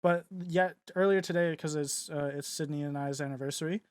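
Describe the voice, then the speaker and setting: A man's voice: on the high side, steady tone, fairly quick, clear, resonant tone, no echo. Rambling young man, dry close sound. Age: young adult. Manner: rambling with many fillers and restarts; mimics voices loudly in quotes. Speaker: podcast co-host. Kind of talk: casual chat.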